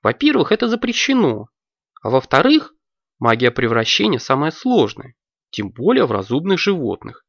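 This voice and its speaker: A rule-minding young girl wizard lectures her friends firmly, as a storyteller puts her on. Her voice is raised and lively. The recording is dry. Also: medium pitch, normal speed, vocal fry, no echo, lo-fi sound, voice pushed up. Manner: firm, lecturing.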